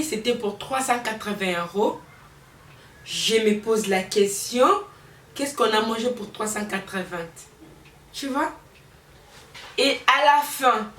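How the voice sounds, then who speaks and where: A woman's voice: a little high, fairly bright tone, echoey room, distant mic. A young woman with a Congolese French accent, telling a personal story to her viewers in a chatty, laughing way. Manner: chatty, addresses viewers directly, laughs often. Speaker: vlogger. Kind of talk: storytime chat to camera.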